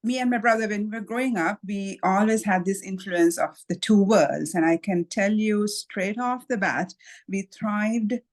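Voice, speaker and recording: A woman from Sri Lanka, a guest author in a podcast interview, who tells her story in a thoughtful, measured way with pauses and light laughs. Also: medium pitch, fairly even intonation.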